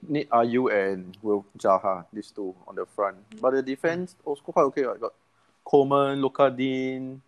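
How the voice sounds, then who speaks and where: Singaporean man, medium-pitched football panelist. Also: moderate pace. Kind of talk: casual sports chat.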